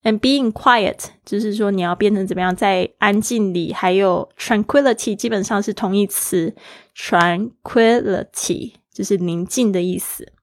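A woman's voice: mid-range voice, normal speed, hardly any pauses, no room sound. A woman teaching an English lesson, explaining words and spelling them letter by letter, switching often between her own language and English.

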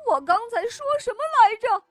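Lady doing a shrill gloating parrot, squawky, super high. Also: expressive, fairly quick, no echo, faint music behind. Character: smug squawking know-it-all parrot. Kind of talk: storybook reading.

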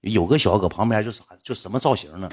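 A man's voice: lowish voice, quick pace, slightly rough. A young man with a Northeastern Chinese accent telling a story in casual spoken style, acting out the people in it. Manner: animated, acts out voices of people in the story.

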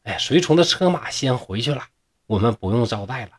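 A man's voice: medium pitch, lively intonation, a little fast, breathy edge. A man voicing an earnest little boy who reports events plainly. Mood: matter-of-fact.

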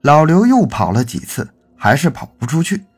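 A man narrating a folk ghost tale in a folksy, animated storytelling manner. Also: on the high side, normal speed, breathy edge.

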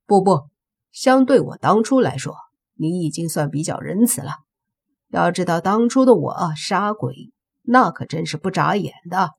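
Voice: mid-range voice, animated, normal speed, creaky, breathy edge. A narrator reading a man who modestly waves off praise in an audiobook.

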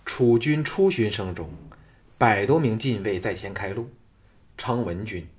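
A man narrating a martial arts novel as an audiobook in a steady, measured storytelling voice. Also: on the low side.

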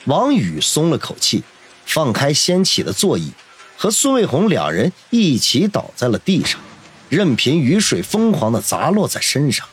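A man narrating a novel in a dramatic, expressive storytelling voice. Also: a little high, moderate pace, slightly rough. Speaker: audiobook narrator.

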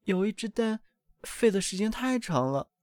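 A man voicing a doting, fussy mother duck in a storybook reading, with a high, excited, scolding voice. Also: moderate pace, smooth, dry recording. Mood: fretting.

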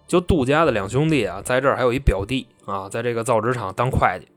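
A man's voice: medium pitch, quick pace, no room sound, faint music behind. A man casually telling a true-crime story in a chatty, colloquial way.

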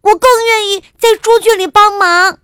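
A woman voicing a stubborn, excited little princess, shrill and loud in a children's storybook. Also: a little slow, no room sound, clean studio sound. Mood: defiant. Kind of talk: storybook character voice.

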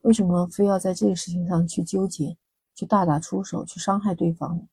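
A woman's voice: fairly low pitch, level tone, brisk, creaky, a little mellow, husky, no echo, low-quality recording. A woman hosting a vlog, giving casual relationship advice in a chatty way with many rhetorical questions. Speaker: vlog host.

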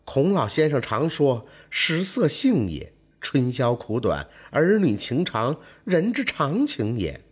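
Sly fox spirit girl, put on by a male storyteller, husky, coaxing, teasing, lively pitch. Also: takes it slowly, few pauses, heavily acted. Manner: coaxing, teasing, later spiteful. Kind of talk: storytelling role voice.

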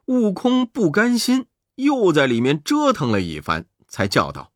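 A man narrating a children's story in a slow, expressive storytelling manner. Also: high-pitched, no echo, studio quality.

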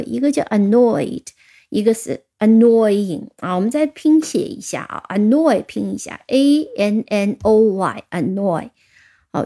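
Mellow-voiced woman teaching English vocabulary. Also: on the high side. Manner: explains in Chinese, reads English examples slowly and spells words letter by letter. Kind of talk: vocabulary lesson.

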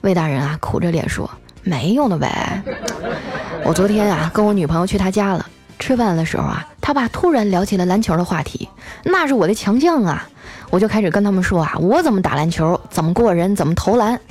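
A woman hosting a show of funny stories, chatty, tacking a drawn-out filler onto her phrases. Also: medium pitch, expressive, darkish tone, faint music behind. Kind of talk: comic storytelling.

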